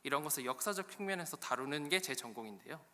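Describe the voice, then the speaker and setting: A man preaches a playful, lively sermon and speaks straight to his congregation. His voice sits fairly high and sounds bright and forceful. A long reverb from the church sanctuary follows each phrase. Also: fast talker. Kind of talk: humorous sermon. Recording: long echo of a church hall.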